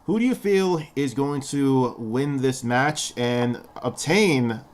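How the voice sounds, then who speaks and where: A young man with a lisp co-hosts a podcast, a casual wrestling prediction chat, rambling and repeating words. His mid-range voice is animated but slow.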